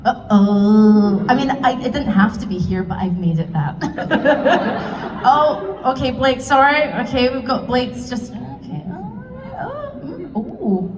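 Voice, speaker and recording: A Scottish woman moderating a convention panel, chatty and self-deprecating, with quick asides. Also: sits high, very animated, dull audio. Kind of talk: lively convention panel hosting. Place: large convention hall with audience. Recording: echoey convention hall from far off, crowd noise.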